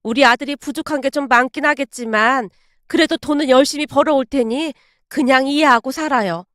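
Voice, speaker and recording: A woman's voice: high voice, a little fast, a bit bright, no room sound, clean studio sound. A woman doing a blunt middle-aged mother-in-law.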